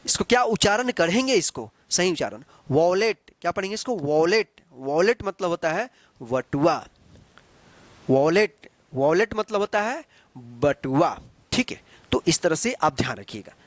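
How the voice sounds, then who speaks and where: High-voiced man teaching English pronunciation. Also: very animated, dry recording. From Bihar, India. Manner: repetitive, asks questions and answers them himself; spells words letter by letter slowly. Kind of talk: classroom-style spelling and pronunciation lesson.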